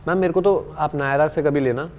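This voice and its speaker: A man's voice: on the high side, brisk, darkish tone, a little hiss or hum. A young man being interviewed as a reality show contestant, talking emphatically and argumentatively, slipping English phrases into his speech. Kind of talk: casual interview talk.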